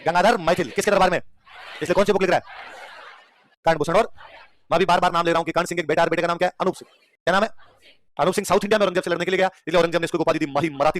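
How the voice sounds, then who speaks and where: A man's voice: on the high side, dry recording. A man teaching an exam revision lecture, firing questions at the class and repeating them, with laughter between points. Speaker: history teacher.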